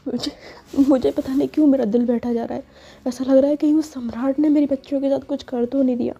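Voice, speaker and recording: A woman voicing a fearful middle-aged mother pleading for calm, on a dull lo-fi recording. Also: high-pitched, fast talker, gravelly, breathy edge, exaggerated voice.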